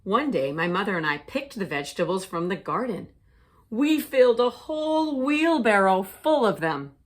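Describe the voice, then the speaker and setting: A medium-pitched woman teacher gives a storybook reading aimed at young children, choosing her phrasing with deliberate expression.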